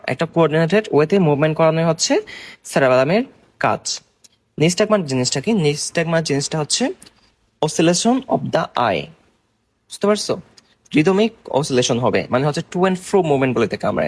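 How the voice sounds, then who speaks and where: A young man from Bangladesh teaches an exam-focused medical lesson. His voice sits a little high and has a husky edge. He explains step by step and keeps checking that his students are following. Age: young adult. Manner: explains slowly in mixed Bengali and English terms, checking understanding. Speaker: medical lecturer.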